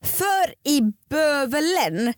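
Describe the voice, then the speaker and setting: A woman with a fairly high voice co-hosting a relaxed podcast. She is playful, reads out listener questions and drops into quick mock voices. Her close mic sounds dry and intimate. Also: no room sound. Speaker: podcast co-host. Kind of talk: casual chat.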